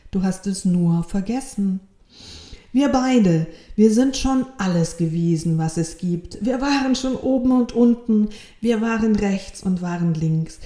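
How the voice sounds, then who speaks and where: A woman's voice: medium pitch, warm tone, close to an everyday voice. A woman voicing a kind, loving friendly soul in a storybook reading, speaking in a reassuring, lilting way. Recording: roomy echo.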